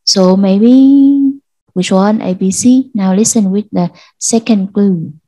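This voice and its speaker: A Vietnamese-accented woman teaching an English class to children, slow and patient, repeating answers for pupils. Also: mid-range voice, warm tone, no echo, rough recording. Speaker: primary school English teacher. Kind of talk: online class lesson.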